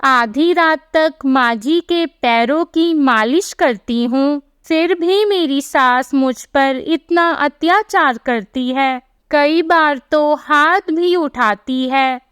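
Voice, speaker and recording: A woman's voice: sits high, takes it slowly, few pauses, fairly bright tone, dry recording, clean studio sound. A woman voicing a timid, overworked young daughter-in-law in a storybook tale, speaking meekly and pleading. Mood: tearful. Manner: meek, pleading.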